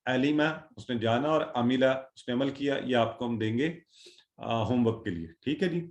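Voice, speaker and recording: A man's voice: medium pitch, normal speed, reverberant. A male teacher leading an online class, patiently drilling word forms and calling on students one by one. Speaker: Quran Arabic teacher.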